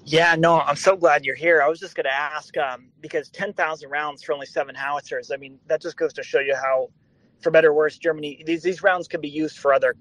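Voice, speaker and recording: A man talks over a phone line from his car as he drives, his pitch holding flat and even. His questions halt on fillers. The sound is close and dry, with no room behind it. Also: dry recording. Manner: halting, filler-heavy questions. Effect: phone call from a moving car. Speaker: caller in an online audio discussion. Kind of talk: casual chat.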